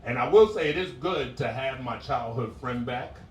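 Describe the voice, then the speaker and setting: A stand-up comedian in his forties tells stories on a club stage in a relaxed, conversational way, then gets louder and shouts when acting out characters. His voice is mid-range at a moderate pace, and the roomy sound is captured from some distance, with slight background noise.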